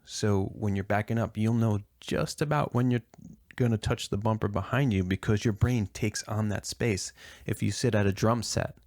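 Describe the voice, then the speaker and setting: A man co-hosting a reflective podcast in a fairly low, gravelly voice. He thinks aloud with halting restarts, recorded close and dry. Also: a little mellow, no echo. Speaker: body worker and podcast co-host.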